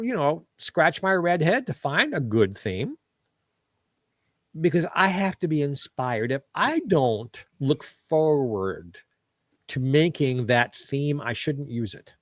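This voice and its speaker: A man talking as a podcast guest in a casual interview, animated and opinionated as he tells stories. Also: fairly high pitch, slow, no echo, clean studio sound. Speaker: podcast guest, show business historian.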